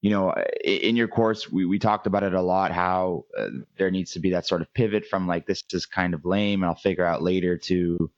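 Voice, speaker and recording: Deep-voiced young man, hesitant host. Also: fairly even intonation, a little fast, few pauses, dry recording. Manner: hesitant, filler-heavy phrasing. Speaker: podcast host. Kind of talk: interview questions. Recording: dry, dull lo-fi sound.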